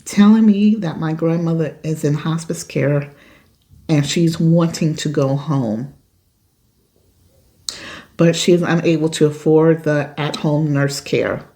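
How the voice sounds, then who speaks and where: Slow, gravelly-voiced woman podcast host. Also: deep voice, steady tone, mellow. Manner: emphatic, outspoken, swears when upset. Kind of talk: reading a listener letter and reacting.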